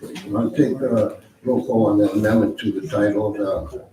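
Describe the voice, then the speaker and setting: Hoarse raspy guy running an official board meeting, kinda far from the mic, roomy. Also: lowish voice, fairly even intonation, moderate pace. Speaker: mayor chairing an electoral board meeting. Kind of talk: formal meeting procedure, reading prepared remarks. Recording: roomy, distant mic, faint noise.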